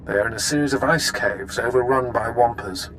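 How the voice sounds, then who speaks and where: Actor as a ruthless imperial officer, faint background noise. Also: male voice, medium pitch, a little fast, a bit bright, natural voice, low-quality recording. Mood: scheming, stern. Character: ruthless, commanding male imperial military officer. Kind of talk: video game voice acting.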